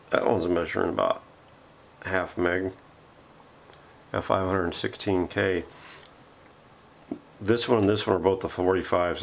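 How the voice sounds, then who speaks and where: Deep and gravelly, this man's voice carries slight background noise as he hosts his radio repair vlog from a home workshop. The hands-on demonstration is casual and unscripted, and he thinks out loud throughout.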